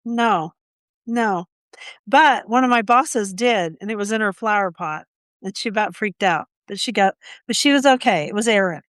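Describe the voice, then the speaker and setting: A woman from Oklahoma co-hosting a gardening podcast, chatting casually and telling quick stories with asides. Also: medium pitch, a bit bright, no echo. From Oklahoma, USA. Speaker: podcast co-host. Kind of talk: casual chat.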